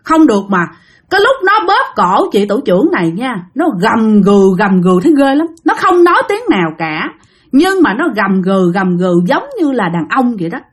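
A woman's slightly high, sing-song, slightly rough voice narrates a spoken ghost story at a moderate pace. She has a Southern Vietnamese accent and chats directly with her listeners as she tells it.

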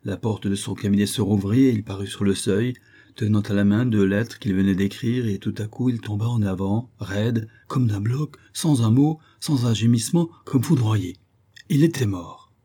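A man narrating a classic novel as an audiobook, with a measured literary reading. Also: lowish voice, mellow, husky. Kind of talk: scripted narration.

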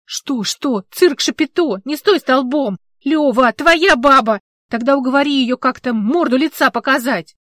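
A woman voicing a brash, sharp-tongued woman who barks orders. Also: medium pitch, lively intonation, normal speed, no room sound, studio quality, close to an everyday voice. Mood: bossy, shouting.

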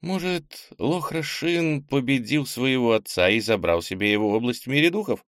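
A man voicing an excitable, anxious young sister with a raised, eager voice. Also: mid-range voice, normal speed, no echo, clean studio sound, voice pushed up, close to an everyday voice.

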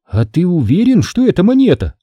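A man's voice: high-pitched, wildly swooping pitch, a little fast, husky, no room sound, highs cut off, pitched above the performer's own voice, heavily acted. A man voicing a practical, firm but kindly mother in an audiobook story.

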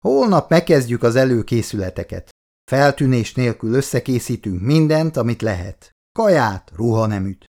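A man's voice: mid-range voice, animated, a little mellow, lightly acted. A man voicing a domineering teenage boy who leads a runaway gang, giving commands. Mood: commanding.

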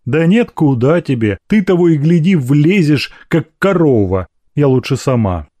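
Audiobook: male reader doing a doting anxious noble mother, raised and lively. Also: fairly high pitch, a little slow, no room sound, voice pushed up.

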